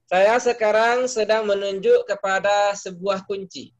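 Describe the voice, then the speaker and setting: High-voiced male teacher. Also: level tone, unhurried. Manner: patient, explains step by step and quizzes students by name. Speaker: Arabic teacher. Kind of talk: online class, teaching Arabic phrases.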